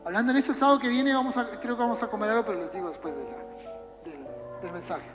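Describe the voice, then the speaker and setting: A woman with a Uruguayan accent gives a relaxed, conversational sermon to young people, slipping into quick acted-out scenes. Her voice sits high and rings through a reverberant church hall. Music plays clearly underneath her. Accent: Uruguayan Spanish. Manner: conversational, acts out little everyday scenes. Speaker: youth preacher. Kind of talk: casual sermon. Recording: echoey hall with music behind.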